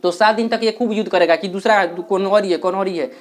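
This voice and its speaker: A man's voice: sits high, fairly even intonation, fairly quick. A male teacher giving a classroom lecture, asking questions and answering them himself, with regional dialect words in his Hindi.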